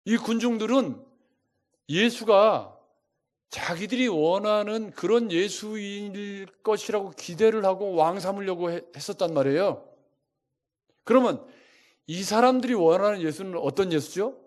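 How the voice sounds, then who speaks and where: A male pastor preaching a sermon, asking his congregation one rhetorical question after another and swinging his loudness for emphasis. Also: sits high, measured pace. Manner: lively, shifting loudness for emphasis.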